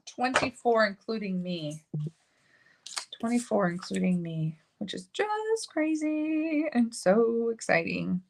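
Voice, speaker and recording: Her voice sits on the high side with a fairly bright tone, and a little hiss or hum is present. She's hosting a laid-back live card-making tutorial, chatting and narrating while she works and laughing off her own slips.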